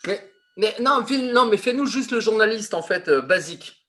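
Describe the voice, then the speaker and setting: A man's voice: high-pitched, lively intonation, normal speed, pushed and bright. A man teaching an improv class, explaining patiently and repeating his key points.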